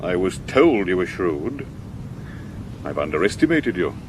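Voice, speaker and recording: A man playing a calm, measured suspect who answers accusations with careful reasoning in a 1970s radio drama. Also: low-pitched, background noise. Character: smooth, calm suspect with a sword cane.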